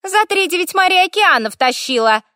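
A tiny female fire elemental, possessive and quick to snap, voiced by a woman narrator. Her voice is creaky and grating like a scratch, pitched far up and loud. It sits dry and close in an audiobook. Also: expressive, no echo, full character voice. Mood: jealous. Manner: screechy, quarrelsome outbursts. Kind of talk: audiobook character voice.

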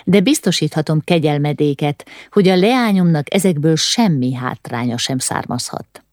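A woman voicing a proud, eccentric middle-aged landowner who speaks with measured, restrained calm. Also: low-pitched, no room sound, studio quality.

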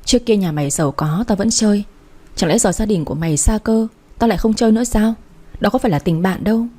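A woman's voice: medium pitch, fast talker, warm tone, natural voice. A woman reading the part of a blunt, loyal young woman who talks to her friend frankly and teasingly. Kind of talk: audiobook character reading.

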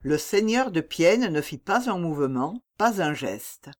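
A man narrating a classic novel as an audiobook, with a measured, dramatic reading. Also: on the high side, big pitch swings.

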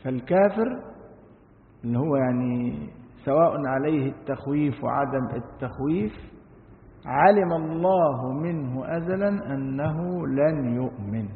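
A man giving a religious lesson, explaining slowly, asking rhetorical questions and chanting verses. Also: medium pitch, expressive, a little hiss or hum. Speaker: Quran commentary teacher. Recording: echoey hall on a tinny, phone-like line.

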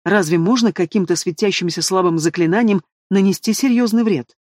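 A man's voice: sits high, brisk, darkish tone, dry recording, clean studio sound. A man voicing a fierce, imperious red dragoness ruler in an audiobook, growling and commanding. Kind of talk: audiobook character voice.

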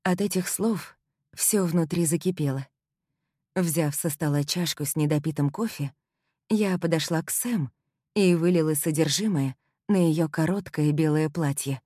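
A woman narrating a first-person novel in an audiobook, wry and expressive. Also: sits low, normal speed, dry recording, clean studio sound.

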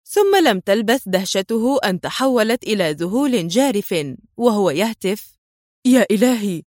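Woman reading a spy audiobook, steady and expressive, super dry close mic. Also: medium pitch, no room sound. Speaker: audiobook narrator. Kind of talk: dramatic audiobook narration.

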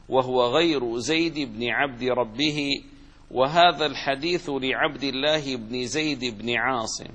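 A man giving a classical religious lesson, reading passages from a book and explaining them with frequent fillers and restarts. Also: mid-range voice. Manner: reads quoted text louder, then explains with fillers and restarts. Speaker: sheikh teaching a hadith commentary.

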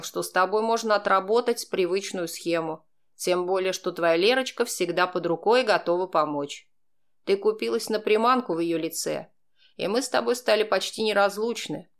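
A woman voicing a calm, mocking, manipulative man who blackmails, speaking slowly in a cold, sneering way. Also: medium pitch, natural voice. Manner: slow, sneering, coldly composed.

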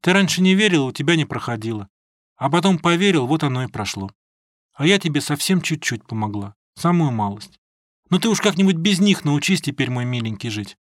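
A man reading an audiobook, voicing a gentle, sad young village woman who speaks softly and tenderly. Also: sits low, animated, brisk, dry recording, clean studio sound. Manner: soft, tender, consoling.

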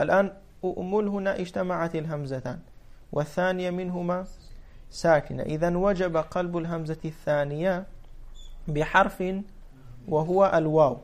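A man's voice: on the high side, a little mellow. A man teaching an Arabic grammar lesson, explaining step by step, repeating phrases and restating them, and often asking a question and then answering it himself.

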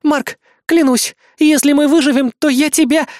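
A man's voice: very high voice, fairly even intonation, normal speed, a little mellow, dry recording, studio quality, voice pushed up. A man reading an audiobook and voicing a frantic young female assistant who shrieks in fear and anger. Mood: panicked. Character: panicky young female assistant, tearful and furious.

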